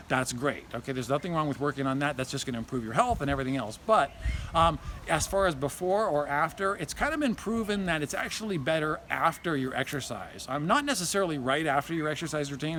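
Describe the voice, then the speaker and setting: A high-voiced man in his forties coaches exercise in a casual, encouraging way. He is recorded outside in a garden, with clear noise behind his voice. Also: fairly bright tone. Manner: encouraging, counts and cues. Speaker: fitness trainer hosting a workout video. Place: outdoor garden.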